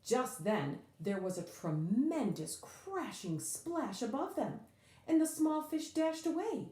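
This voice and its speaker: Her voice a little high, a woman reads a picture book for children with dramatic flair, leaning hard on key words and stretching them out. The room sound is spacious.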